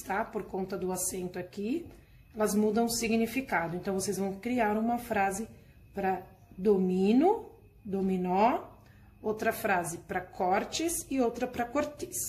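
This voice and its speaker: A patient woman teacher, explaining a workbook lesson step by step to her class. Her voice sits fairly high, and she keeps checking in with the students as she goes.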